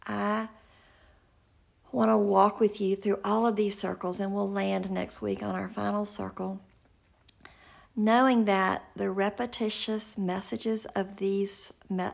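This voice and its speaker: Gravelly, husky-voiced woman preaching. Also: medium pitch, darkish tone. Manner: earnest, slows and drops to a whisper for emphasis. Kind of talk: sermon with personal storytelling.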